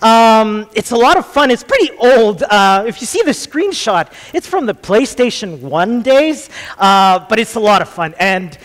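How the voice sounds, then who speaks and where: A man's voice: high voice, very animated, a little slow, a bit bright. A man from Chile in his thirties giving a jokey, chatty conference talk on stage with a headset mic, with lots of ums. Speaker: conference speaker. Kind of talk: casual tech talk. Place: large theatre stage. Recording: long hall reverb.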